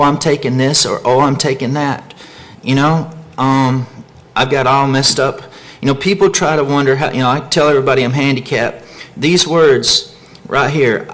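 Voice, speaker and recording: A man giving an impassioned public comment at a meeting, pleading and agitated, speaking into a podium microphone. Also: fairly bright tone. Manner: pleading, agitated, pitch climbing as he grows upset.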